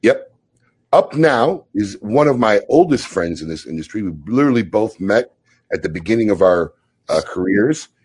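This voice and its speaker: A man's voice: fairly low pitch, big pitch swings, normal speed, darkish tone, husky, no echo. A man hosting a talk radio show, teasing his co-host and leading segments in an easygoing way. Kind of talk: casual chat and show hosting.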